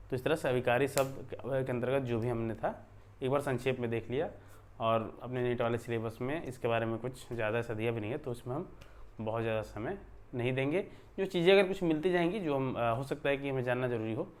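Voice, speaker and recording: Man teaching a casual grammar lesson. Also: mid-range voice. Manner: conversational, repeats "thik hai" often, stresses words for emphasis. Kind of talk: explanatory online lesson.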